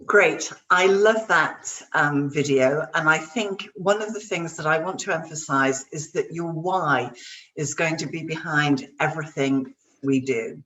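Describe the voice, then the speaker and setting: A woman's voice: low-pitched, a little slow, fairly bright tone, recorded from a distance, rough recording. A woman career coach giving an online workshop, speaking in an upbeat, encouraging way directly to her audience. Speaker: career coach and webinar presenter.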